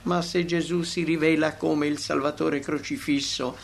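A man reading a devotional text aloud in scripted narration, expressive, with emphatic rises and slowed phrases. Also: fairly high pitch, creaky.

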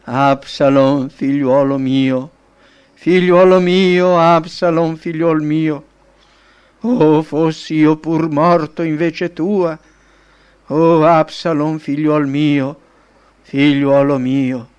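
A man voicing an aging king mourning his son, in a slow, drawn-out, wailing lament. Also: a little high, level tone, darkish tone, clear, resonant tone, pitched above the performer's own voice. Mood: grieving. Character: grieving old King David, father mourning son.

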